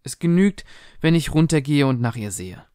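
A man's voice: a little high, big pitch swings, normal speed, darkish tone, clean tone, no echo, studio quality, pitched above the performer's own voice. A man voicing a middle-aged mother who speaks in a soothing, justifying way, in a spoken storybook reading. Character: defensive middle-aged mother, calm but guarded.

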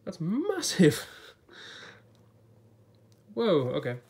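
He draws his words out, his high, husky, darkish voice swooping wildly in pitch, and it's a little off from an illness he's recovering from. As a YouTuber, he flips through an illustrated book in a casual vlog, chatting and thinking out loud at an indoor table with a blue backdrop behind him.

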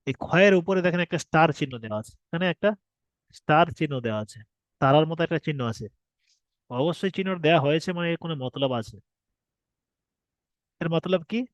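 A man's voice: fairly high pitch, lively intonation, fast, long pauses, no room sound. A man teaching an online class on the shapes and pronunciation of the alphabet, explaining patiently and repeating himself with rhetorical questions. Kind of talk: online recorded class lesson.

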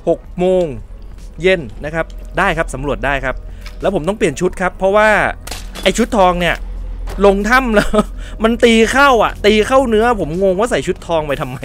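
A man narrates his game in a chatty, polite running commentary, his voice sitting high and swinging widely. He is quick to burst into startled shouts. Faint game music plays under him. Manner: excitable, quick to shout in surprise. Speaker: gaming channel host. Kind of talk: let's play commentary.

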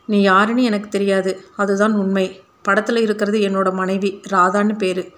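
An earnest, troubled father pleads in quick, long runs of speech, voiced by a woman narrator. His pitch stays flat, in an audiobook reading. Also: natural voice.

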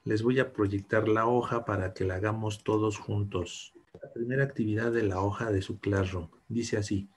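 A man's voice: lowish voice, fairly even intonation, normal speed, breathy edge. A man teaching English to children in an online class, patient and encouraging, mixing English and Spanish. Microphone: video call.

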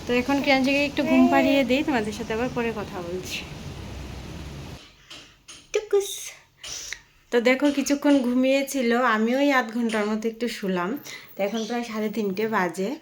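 A woman's voice: a little high, quick pace, slight background noise. A young mother from West Bengal, narrating her day at home in a casual, homely vlog voice-over. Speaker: vlogger, mother.

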